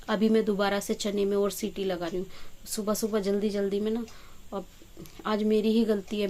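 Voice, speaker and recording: A woman chatting casually in a home vlog, telling rambling stories about her day, at times speaking softly so as not to wake her family. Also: mid-range voice. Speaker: vlogger.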